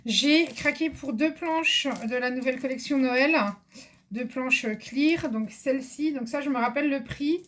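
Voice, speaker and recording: A woman's voice: high-pitched, unhurried, a bit bright. A woman chatting casually to viewers about her craft purchases, hesitant with many fillers, now and then talking to a helper beside her. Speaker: craft vlogger. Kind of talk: casual haul video chat.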